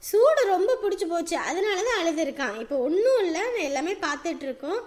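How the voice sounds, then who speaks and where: Woman as a nurse, very high voice, reassuring, a bit lecturing, lively. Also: quick pace. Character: patient hospital nurse reassuring a worried mother.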